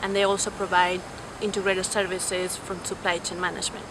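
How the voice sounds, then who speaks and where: A woman's voice: lowish voice, level tone, a little fast. Young Peruvian woman, outdoor noise. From Peru. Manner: fluent, with frequent fillers and restarts. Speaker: interviewee. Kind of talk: casual interview answers. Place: outdoors on a university campus. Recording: clear background noise.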